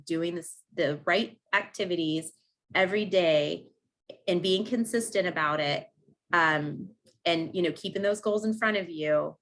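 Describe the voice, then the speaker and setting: A woman in her thirties giving an energetic, casual motivational talk at a seminar, full of fillers and likes. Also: fairly low pitch. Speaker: seminar speaker.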